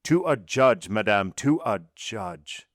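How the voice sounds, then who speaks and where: A man's voice: on the low side, animated, unhurried, no room sound, studio quality. A man reading aloud, voicing a stern magistrate who questions his wife in a blunt, commanding way. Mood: cold, commanding. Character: cold, stern magistrate husband.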